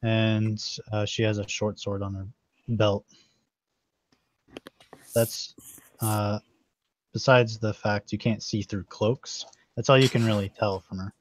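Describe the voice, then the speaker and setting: A man narrating as game master in a tabletop game, halting and full of fillers. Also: fairly low pitch, flat delivery, no echo.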